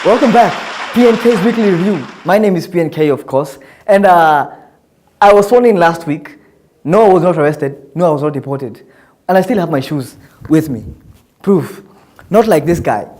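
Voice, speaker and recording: A young Kenyan man hosting a comedy review show, mocking his targets with laughter running through his lines. His voice sits high for a man and swings widely in pitch. A faint crowd and some noise sit behind him. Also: animated, normal speed, darkish tone. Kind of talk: satirical commentary.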